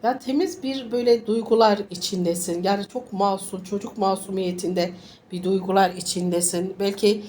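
A woman sniffly with a summer flu, reading fortunes informally for viewers in a halting, reassuring way and often repeating her phrases. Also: medium pitch, fairly even intonation, a little mellow, slight background noise. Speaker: fortune teller.

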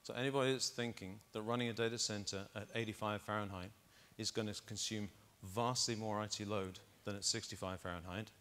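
A man's voice: fairly low pitch, steady tone, fairly quick, few pauses, fairly bright tone. A middle-aged man on a conference stage, talking into a lapel mic and walking the audience through test data step by step. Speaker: keynote speaker. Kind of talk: conference keynote presentation.

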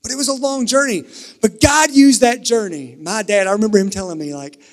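A man from Kentucky preaching a sermon at a pulpit microphone, earnest, shifting between emphatic and hushed. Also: sits high, fairly quick. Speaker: pastor. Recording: reverberant sanctuary, pulpit mic.

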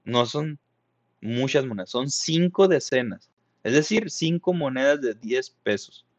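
A man's voice: medium pitch, lively intonation, measured pace, no echo. A male teacher, patiently explaining a math lesson to young pupils, often checking if they follow. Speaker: primary school teacher. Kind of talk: recorded math lesson for children.

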